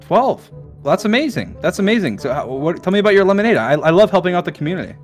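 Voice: mid-range voice, very animated, quick pace, soft background music, lightly acted. Someone playing a stammering, outraged customer. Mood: friendly. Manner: stammering, incredulous outbursts. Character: friendly neighbor who turns indignant customer.

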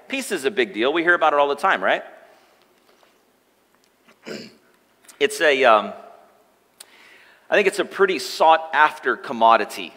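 A man's voice: medium pitch, pushed and bright. A man in his thirties preaching a sermon as pastor, joking and chatting with the congregation in asides, from a church stage. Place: church sanctuary. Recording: long church hall reverb.

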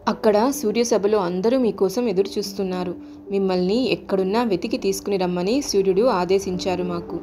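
A woman's voice: mid-range voice, fairly quick, warm tone, faint music behind, natural voice. A woman voicing the Sun's rays as humble, polite messengers pleading in a storybook tale.

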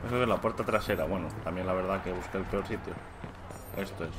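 A man's voice: low voice, quick pace, noisy background. A man hosting a let's play, joking rowdily and exclaiming as he plays. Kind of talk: casual gameplay commentary.

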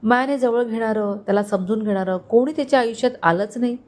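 A woman's voice: a little high, fast, a little mellow, voice pushed up, lightly acted. A woman voicing a kindly older male family servant who speaks tenderly and pleads with a fatherly tone. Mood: gentle.

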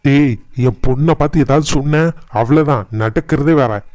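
A man voicing a stern, angry middle-aged father in a cartoon, shouting threats and scolding. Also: medium pitch, normal speed, no room sound, lightly acted. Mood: furious.

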